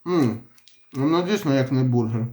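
A man's voice: medium pitch, animated, measured pace, a little mellow. A young man, chatting casually as a vlogger while reading viewer comments, rambling and wry. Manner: chatty, rambling, wry about his own channel.

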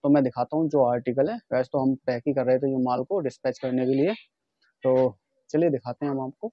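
In a lo-fi, dry recording, a man from India briskly presents leather shoes for wholesale in a laid-back vlog. His medium-pitched voice keeps a fairly even intonation as he chats through the demonstration, frequently calling out to viewers as his friends.

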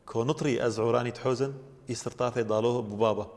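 A priest speaks quickly, laying out religious teaching in long, steady explanations. His voice has a gravelly, creaky edge. A long reverb trails behind him in the room. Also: mid-range voice. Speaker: priest guest.

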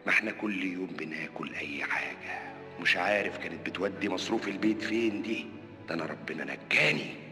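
A man's voice: low-pitched, a little fast, pushed and bright, long reverb tail, faint music behind. An actor playing a weary, newly single man with an Egyptian accent, muttering sarcastic grumbles. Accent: Egyptian Arabic. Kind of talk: TV comedy series acting.

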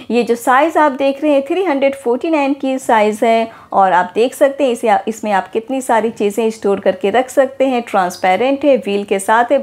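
A woman's voice: a little high, a little mellow. A woman vlogging a walk through a store, upbeat, repeating prices and offers, recorded on a handheld phone indoors. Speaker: shopping vlogger.

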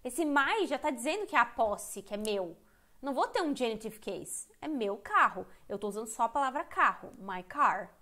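On a computer mic during a live stream, a Brazilian woman teaches an English lesson online, her voice on the high side with big pitch swings and a sharp tone. She talks at a moderate pace in a candid, chatty way, with a Brazilian Portuguese accent, often stopping mid-sentence to start over.

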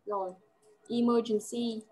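A woman's voice: a little high, steady tone, measured pace, dark tone, slight background noise. A woman tutoring one-on-one, patiently drilling words and checking understanding often. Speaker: English tutor. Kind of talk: one-on-one language lesson.

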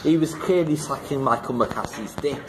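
A man's voice: mid-range voice, normal speed. A man hosting a casual pub-crawl vlog, rambling and joking as he rates each pub after a long day of drinking. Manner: jokey, rambling, tipsy reviewing. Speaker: vlogger host. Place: busy London pubs and streets. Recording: loud crowd chatter behind. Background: pub crowd noise.

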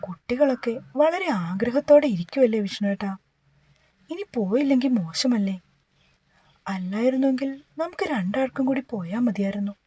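Woman doing a tired young wife, teary and clingy, warm husky voice. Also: fairly high pitch, animated, normal speed, no echo. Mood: tearful. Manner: pleading, tearful.

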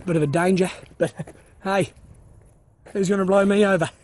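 A young man talking to his phone on a hill walk, joking in a deadpan way as he walks. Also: high voice, normal speed. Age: young adult. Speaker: vlogger. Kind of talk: casual walking vlog. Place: outdoors on a hill walk in a park. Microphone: phone at arm's length.

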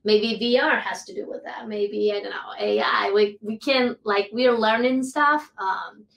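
A woman's voice: mid-range voice, fairly even intonation, measured pace, gravelly, distant mic, rough recording. A woman presenting her research on a panel, hesitant and full of fillers. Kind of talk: panel discussion.

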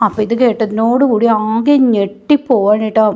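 A woman's voice: fairly high pitch, fairly quick, mellow, dull audio. A woman casually recapping a television serial episode, chatty with frequent tag words and small restarts.

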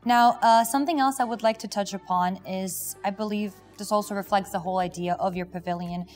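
Fast-talking upbeat young woman interviewer. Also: medium pitch, steady tone, darkish tone, faint music behind. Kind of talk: scripted interview questions. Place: exhibition pavilion indoors. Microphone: lapel.

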